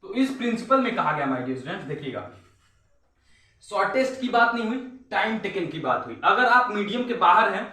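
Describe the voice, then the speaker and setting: A male physics teacher giving a classroom lecture, often stopping to ask his students if it is clear. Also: high-pitched, sing-song, normal speed, bright, forceful tone. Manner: repetitive, keeps asking "is it clear", says "my dear students". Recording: echoey room, mic far off.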